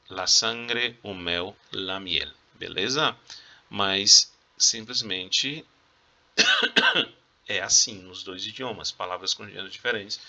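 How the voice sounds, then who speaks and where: A male Spanish teacher with a Brazilian Portuguese accent giving a recorded review lesson, explaining slowly and checking in with his students, coughing now and then. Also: on the low side, creaky, pushed and bright. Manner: explains slowly, checks in with "tá?" and "beleza?", playful teasing.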